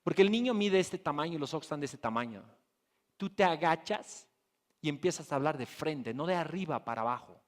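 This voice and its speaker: A man's voice: fairly high pitch, brisk. A man from Bolivia giving a motivational keynote talk at a business conference, telling stories and putting rhetorical questions to the audience. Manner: lively storytelling, addressing the audience with rhetorical questions. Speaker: conference speaker. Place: conference hall.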